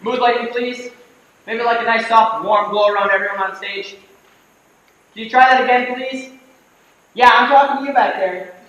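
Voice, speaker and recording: Guy as sarcastic short-fused stage storyteller, highish voice, super echoey hall, mic way off. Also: steady tone, normal speed, long pauses, fairly bright tone, muffled recording. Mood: snide, irate. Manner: sarcastic, theatrical. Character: snide, short-tempered storyteller addressing a theatre crowd. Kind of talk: comic stage monologue. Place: theatre stage. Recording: very echoey stage, distant mic, faint noise.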